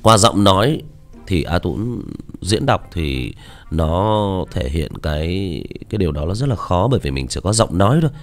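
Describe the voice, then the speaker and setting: Casting: low-voiced male audiobook narrator, lively pitch, rambling casual talk. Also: normal speed, faint music behind. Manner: chatty, hesitant, many fillers. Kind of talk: casual chat about voice acting.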